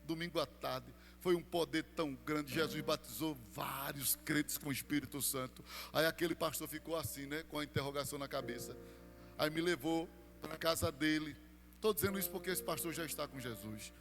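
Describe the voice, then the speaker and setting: A Brazilian man, a pastor, preaching a sermon as a personal testimony, moving between quiet storytelling and loud, fervent passages. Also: on the high side, a little fast, in a large hall. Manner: storytelling testimony, swings from hushed to shouted. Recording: music playing behind.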